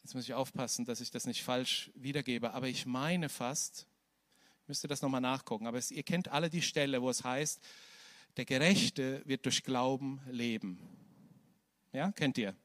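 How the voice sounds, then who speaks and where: German preacher man, dry close sound. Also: dry recording. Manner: swings from soft, slow, hushed passages to loud, high, shouted climaxes. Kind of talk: sermon.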